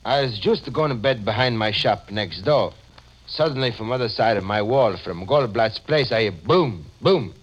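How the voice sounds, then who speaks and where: An actor playing an anxious immigrant shopkeeper with an Italian accent and excitable, halting broken English in radio drama style. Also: male voice, medium pitch, breathy edge, highs cut off. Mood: worried. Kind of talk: old-time radio drama acting. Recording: noisy old radio recording, clicks.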